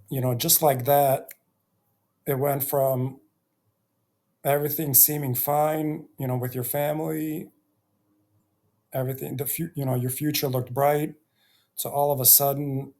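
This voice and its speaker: A man in his thirties telling his life story on his own channel, reflective, pausing often between phrases. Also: mid-range voice, dark tone. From Bosnia and Herzegovina. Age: 30s. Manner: slow and reflective, with many pauses and fillers. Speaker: YouTuber. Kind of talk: personal storytelling vlog.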